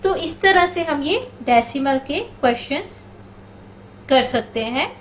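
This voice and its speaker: A woman's voice: high-pitched, animated, slow pace, low-quality recording. A woman teaching math, patiently walking through each step and answering her own questions, with number words mixed into her speech. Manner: patient, asks questions and answers them herself. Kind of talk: step-by-step classroom explanation.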